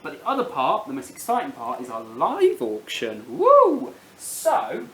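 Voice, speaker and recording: A woman's voice: a bass voice, huge pitch swings, moderate pace. A woman from the English Midlands presenting chattily as an upbeat, bantering cruise director style host. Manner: bantering, playful. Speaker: cruise ship TV show host. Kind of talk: casual chatty live presenting. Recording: echoey room, clear background noise.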